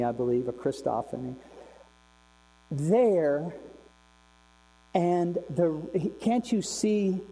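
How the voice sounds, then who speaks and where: A man preaches to his congregation in a high but mellow voice, talking to them directly and firing off rhetorical questions. He swings from loud bursts to quiet asides. His voice carries a long reverb over a faint mains hum. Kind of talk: sermon.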